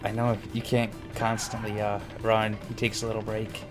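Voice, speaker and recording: A man hosting a let's play with casual game commentary, dry and laconic with deadpan quips. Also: on the low side, moderate pace. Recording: game music playing behind.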